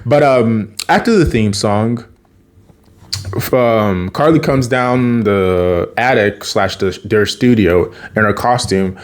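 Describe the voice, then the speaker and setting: A man's voice: on the low side, slow pace. A man casually recapping a TV episode, rambling with many fillers and self-corrections. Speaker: video creator.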